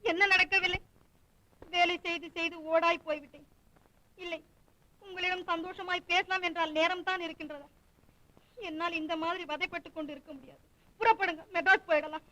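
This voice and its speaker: An actress playing a discontented, sharp-tongued young wife in a 1950s film drama, complaining bitterly and sarcastically. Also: female voice, extremely high pitch, flat delivery, a little fast, pauses often, rough recording.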